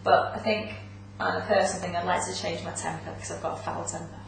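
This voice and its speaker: A woman in her twenties, a pop group member chatting casually in an interview, self-mocking and quick to laugh. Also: fairly low pitch, fairly even intonation, creaky, slight background noise. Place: webcast studio. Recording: echoey room from far off.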